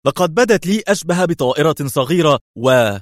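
Brief: male narrator playing amazed policemen crying out, raised pitch. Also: brisk, dry recording, clean studio sound, close to an everyday voice. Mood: astonished. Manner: loud excited cries. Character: shouting astonished male police officers.

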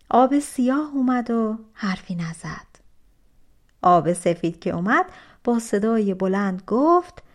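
Soft-spoken woman telling a fairy tale. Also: medium pitch. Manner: expressive, soft-spoken storytelling. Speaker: audiobook narrator. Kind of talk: storybook narration.

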